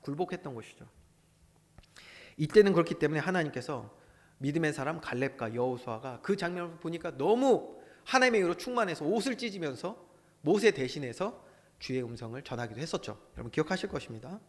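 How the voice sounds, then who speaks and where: A man delivers a sermon in a fairly high, very animated voice, surging into loud bursts and then dropping to hushed asides. His words ring out with the long reverb of a church hall. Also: brisk. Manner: impassioned preaching, swings between loud bursts and hushed asides. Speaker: pastor.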